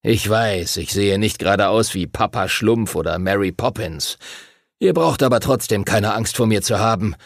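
A man's voice: fairly low pitch, moderate pace, hardly any pauses, no room sound, clean studio sound. A man voicing a brusque, gray-haired male pilot and teacher who barks out orders. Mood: brisk. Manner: brusque, commanding.

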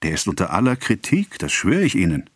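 A man's voice: sits low, huge pitch swings, a little fast, breathy edge, no room sound, studio quality, exaggerated voice. A man voicing a wistful young woman in an audiobook reading, in a plain questioning tone.

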